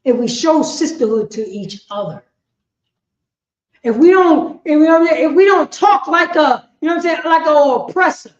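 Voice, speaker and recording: A woman with a high voice and lively intonation teaches a religious class at a moderate pace. She is impassioned and emphatic, repeating phrases and posing rhetorical questions. The room is echoey and the sound dull and lo-fi.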